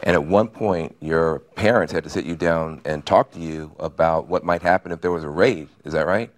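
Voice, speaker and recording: Male moderator, extremely low voice, direct and probing. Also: moderate pace. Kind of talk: panel discussion.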